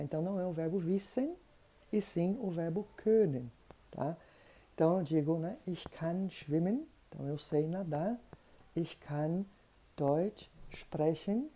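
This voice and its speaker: A woman explains German grammar in a patient, thinking-aloud way. Her voice sits low, with a very dark, mellow tone. She keeps checking that her listener follows. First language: Portuguese. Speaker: German teacher. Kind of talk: explanatory online lesson.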